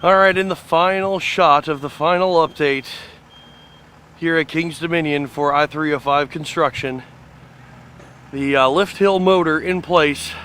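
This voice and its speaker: Giving a casual walking tour of an outdoor construction site, this enthusiastic man rambles on in a fairly high voice, padding his pauses with "uh." His fan site video is shot on a handheld camera, and faint traffic noise drifts in from outside.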